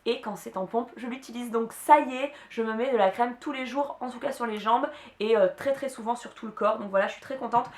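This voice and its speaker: A woman's voice: on the high side, fairly quick, few pauses. Chatty woman vlogging in an echoey room. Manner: chatty, many hesitations and restarts. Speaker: beauty vlogger. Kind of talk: casual product chat to camera.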